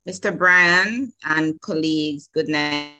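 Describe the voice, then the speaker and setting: A woman student on a video call whose audio breaks up with static, halting and asking whether she can be heard. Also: low-pitched, sharp tone. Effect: glitchy, breaking-up online call audio with static. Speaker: student asking a question in an online class. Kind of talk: casual remote call.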